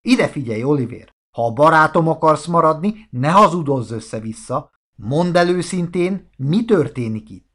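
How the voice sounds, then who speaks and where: A wide-eyed, excitable little boy, as a male narrator puts him on fires off eager questions in a storybook voice. His pitch rides high and swings widely, full of restless curiosity. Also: hardly any pauses. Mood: earnest. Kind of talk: storybook character voice.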